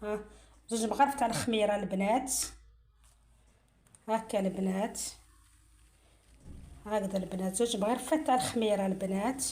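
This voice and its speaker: A woman's voice: mid-range voice, brisk, long pauses, warm tone. A middle-aged woman with an Algerian Arabic accent hosts a casual cooking tutorial, filming herself and chattily repeating her phrases to her viewers. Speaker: cooking channel host. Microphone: phone camera, filming herself. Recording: roomy echo.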